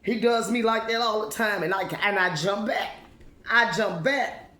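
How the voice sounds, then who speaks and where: A woman's voice: medium pitch, measured pace, pushed and bright. A woman speaks as if to her followers, giving informal spiritual encouragement. She is emphatic and repetitive, often checking that she is understood. The room around her rings with echo. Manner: emphatic, repetitive, with rhetorical questions and check-ins. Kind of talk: informal motivational testimony. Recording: echoey room.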